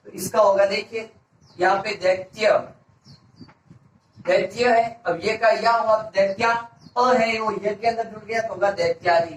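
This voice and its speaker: A high-pitched male teacher walks through a grammar lesson, asking a question and then giving the answer himself, repeating it for emphasis. His voice sits back from the mic in an echoey room, with a faint hiss underneath. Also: fairly bright tone, far from the mic. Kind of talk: classroom-style grammar lesson.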